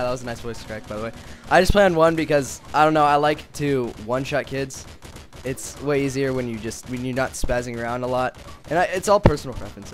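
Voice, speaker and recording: A teenage boy talks through his own gameplay in a casual commentary. His voice sits at an ordinary middle pitch, relaxed and explanatory, full of likes and ums. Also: slight background noise. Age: teens. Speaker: player explaining his game.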